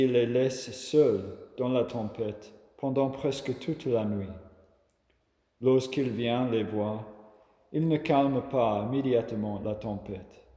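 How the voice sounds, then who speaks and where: A man from Australia delivers a reflective homily at an unhurried, deliberate pace. His voice is mellow and dark, and it rings out with a long reverb, as if spoken in a large echoing space. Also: mid-range voice. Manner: slow, measured and calm. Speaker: preacher. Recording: echoey room with long reverb.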